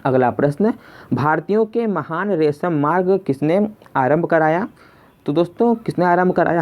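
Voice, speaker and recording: A quiz teacher with a medium-pitched, slightly mellow voice narrates an exam lesson as questions and answers. He repeats the questions and calls his listeners friends.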